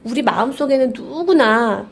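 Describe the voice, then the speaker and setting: A woman co-hosting a parenting radio talk, explaining ideas calmly and thoughtfully with pauses. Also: on the high side, vocal fry, background noise. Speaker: conversation expert co-host.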